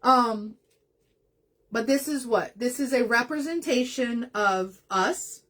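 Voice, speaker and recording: A chatty woman hosts a craft livestream, talking to her viewers in a casual, rambling way as she works. Her voice sits a little high, and she slips into laughter and emotion easily. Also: slow, a bit bright.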